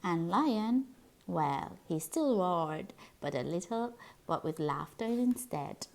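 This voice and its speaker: A woman reading a rhyming children's picture book aloud in an expressive, sing-song storytelling style. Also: fairly low pitch, takes it slowly, vocal fry.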